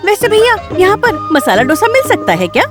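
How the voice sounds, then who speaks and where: Dub cast: a sly young chatterbox, high and swooping, loud film music behind. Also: female voice, huge pitch swings, a little fast, full character voice. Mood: teasing.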